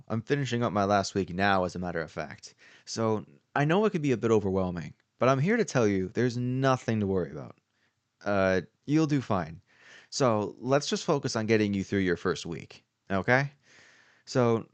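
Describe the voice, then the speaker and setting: A man's voice: fairly low pitch, dry recording, close to an everyday voice. A man voicing an affable, nervous office worker who leaves a rambling, reassuring phone message from a game script.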